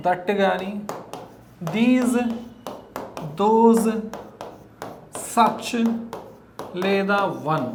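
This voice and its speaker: A man's voice: high-pitched, reverberant. A man teaching an exam-prep grammar lesson, who poses questions to the class, answers them himself and keeps checking that students follow. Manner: asks and answers his own questions, checks understanding often.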